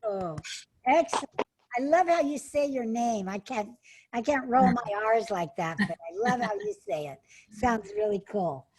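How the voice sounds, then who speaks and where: A woman's voice: fairly high pitch, lively intonation, unhurried, a little mellow, a little hiss or hum. A woman coaching a workshop on a video call, chatting casually with encouraging exclamations.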